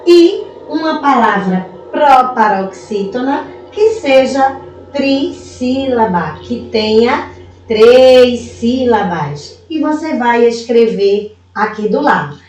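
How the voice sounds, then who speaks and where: A woman teacher from Brazil giving a recorded video lesson to young pupils, patient and slow, stretching out syllables as she explains. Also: fairly high pitch, far from the mic. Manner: calls herself auntie, speaks warmly to young pupils. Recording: roomy echo, voice away from the mic.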